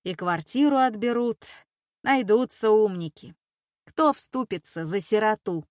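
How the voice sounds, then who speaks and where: A woman voicing a gruff, grieving old grandmother. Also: medium pitch, lively intonation, a little slow, a little mellow, no room sound, studio quality, lightly acted. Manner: gruff, reproachful, plain-spoken. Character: stern, grieving elderly grandmother, blunt and bitter. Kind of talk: audiobook character voice.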